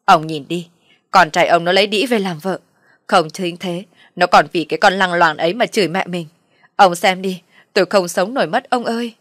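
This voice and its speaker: Brief: woman playing a shrill, spiteful mother-in-law, audio story, dry close sound. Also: normal speed, no echo, close to an everyday voice. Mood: furious scolding. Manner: shrill, abusive shouting. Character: furious scolding middle-aged mother-in-law.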